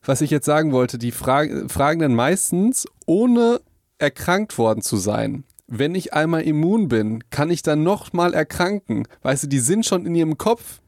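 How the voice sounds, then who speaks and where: Young man, slightly high voice, chatty, self-mocking, dry close sound. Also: big pitch swings, moderate pace, a little mellow, no echo. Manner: self-mocking, chatty, talks through worries with many fillers. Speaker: podcast co-host. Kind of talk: casual conversational podcast.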